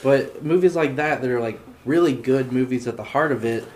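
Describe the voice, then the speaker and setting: A man hosting a casual movie podcast with friends, chatty and quick to laugh, often saying "like". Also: mid-range voice. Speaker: podcast host. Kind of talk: casual chat about movies. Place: home garage. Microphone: handheld audio recorder.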